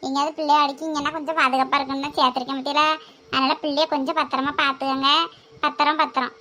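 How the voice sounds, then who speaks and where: A woman's voice: high voice, flat delivery, very fast, sharp tone. A woman playing an anxious, doting mother who coaxes her son and fusses over him. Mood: coaxing. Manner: coaxing, fussing and pleading.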